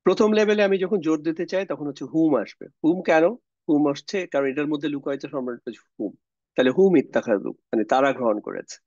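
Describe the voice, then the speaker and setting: A man's voice: on the high side, quick pace, a little mellow, no room sound, lo-fi sound. A man teaching Quranic Arabic grammar in an online class, explaining patiently and repeating himself with many fillers.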